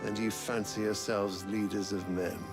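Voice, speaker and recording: An actor playing a stern, imperious emperor with a haughty, oratorical manner in a fantasy video game. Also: male voice, on the low side, little pitch movement, normal speed, lightly acted. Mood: indignant, commanding. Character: stern, imperious emperor scolding his councillors. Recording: game audio under clear music.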